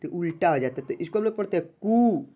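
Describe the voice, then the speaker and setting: A patient teacher in an online lesson, stretching out each syllable slowly and repeating examples. The voice sits at a middle pitch and keeps asking if the friends watching understand. The delivery stays steady and instructive. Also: lo-fi sound. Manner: patient, repetitive, checks understanding often; sounds out syllables slowly and drawn out. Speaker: Hindi teacher.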